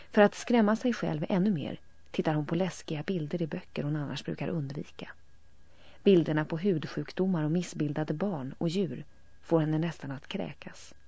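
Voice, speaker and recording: A woman narrating a story calmly, often trailing into soft whispers at the ends of lines. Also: on the low side, gravelly, no room sound. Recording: dull lo-fi recording.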